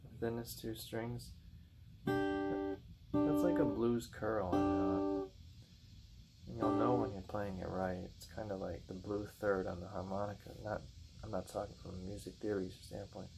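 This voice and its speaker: A man with a low, gravelly voice talks through a blues guitar lesson in a loose, rambling way. He keeps repeating words and correcting himself. His acoustic guitar is heard clearly behind his talk. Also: measured pace. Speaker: guitar teacher. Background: acoustic guitar playing.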